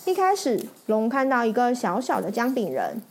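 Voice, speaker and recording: Animated woman reading a picture book aloud. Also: on the high side, moderate pace, slight background noise. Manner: animated, with sound effects and questions to the listener. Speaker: storyteller.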